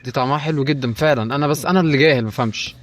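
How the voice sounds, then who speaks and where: Brief: young male Egyptian gaming YouTuber, rapid jokey horror playthrough commentary, mid-pitched. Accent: Egyptian Arabic. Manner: jokey, rapid-fire, often panicked and pleading.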